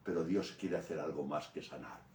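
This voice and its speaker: A man with a Spanish accent from Spain, preaching a sermon in an animated storytelling way. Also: rumbling low, a little fast, a little hiss or hum. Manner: animated storytelling preaching, rising to loud peaks. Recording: roomy echo from a distant mic.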